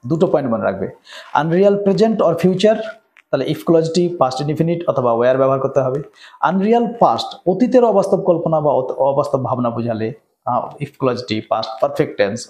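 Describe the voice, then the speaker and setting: With a mid-range voice and darkish tone, a man with a Bengali accent explains English grammar rule by rule. He frequently asks "right?" and reads his example sentences slowly.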